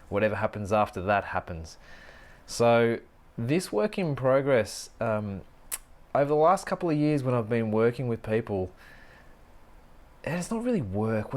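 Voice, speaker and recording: A middle-aged man hosting a solo podcast, musing earnestly on personal growth, often pausing to restart his thoughts. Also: on the low side, a little mellow. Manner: earnest, musing, with frequent restarts and slow stretches. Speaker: podcast host and life coach. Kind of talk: reflective solo podcast monologue.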